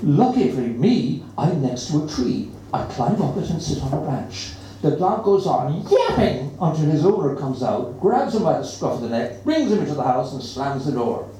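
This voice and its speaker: A reader at a live event tells a children's story with a wildly swooping, dramatic delivery. The tone is mellow and dark. The voice comes from a distance in a very echoey room with faint noise behind. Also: mid-range voice, big pitch swings, moderate pace, hardly any pauses. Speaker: reader at an open mic. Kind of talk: reading a children's story aloud.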